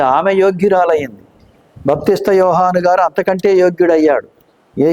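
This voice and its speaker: A man preaching a sermon, reading scripture slowly and deliberately and asking rhetorical questions. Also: a little high, darkish tone, rough recording.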